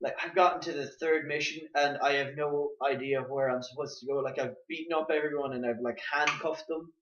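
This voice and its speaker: A man's voice: fairly even intonation, a little fast, noisy background. A young man co-hosting a casual gaming podcast, rambling with lots of fillers. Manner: rambling, lots of "like", jumps up and down in pitch. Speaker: podcast co-host. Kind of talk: casual chat. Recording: echoey room, muffled lo-fi mic.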